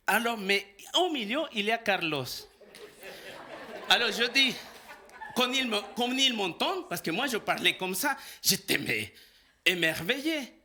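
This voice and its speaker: A man's voice: high voice, bright, forceful tone. A man from El Salvador, a preacher telling a personal story in a sermon, acting out the dialogue and laughing often.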